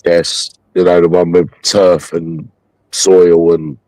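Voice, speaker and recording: A man's voice: sits low, little pitch movement, slow pace, mellow, dry recording, rough recording. A Scottish man chatting casually and jokily in late-night banter, swearing freely and repeating himself.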